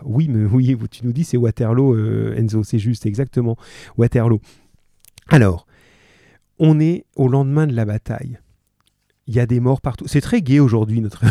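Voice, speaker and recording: A man, teaching a radio class. He reads a novel aloud and stops to explain it in a lively, chatty way. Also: mid-range voice, vocal fry, no room sound, studio quality.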